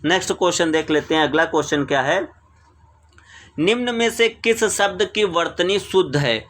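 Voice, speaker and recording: A man's voice: a little high, moderate pace, a bit bright. A man teaching exam questions, reading each question, repeating it and explaining the answer. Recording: screen recording voice-over.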